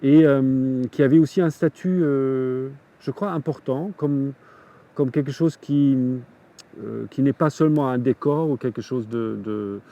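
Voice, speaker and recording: A middle-aged man from southern Germany, an artist and biennial curator, gives reflective interview answers in a mellow, medium-pitched voice at a slightly slow pace. The lo-fi recording uses a distant mic, and he hesitates often, with many fillers and restarts.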